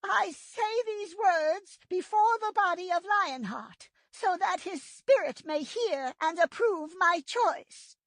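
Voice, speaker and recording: A woman's voice: very high-pitched, expressive, takes it slowly, hardly any pauses, fairly bright tone, no echo, pitched above the performer's own voice, exaggerated voice. A woman voicing a weary female cat clan leader in a storybook, with a tired voice cracked with sadness and a solemn, formal delivery. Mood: solemn grief.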